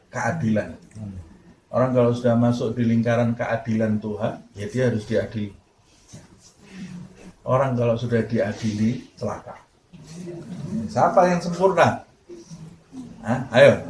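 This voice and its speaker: A man's voice: medium pitch, darkish tone. A man giving a sermon of Quran commentary, telling a story with Arabic quotes and rhetorical questions. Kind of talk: tafsir sermon. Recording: echoey room with faint background noise.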